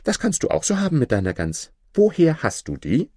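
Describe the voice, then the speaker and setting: A man voicing a jolly, crafty male knife grinder who calls out in a cheery, drawn-out way. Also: a little high, wildly swooping pitch, warm tone, dry recording, studio quality, pitched above the performer's own voice.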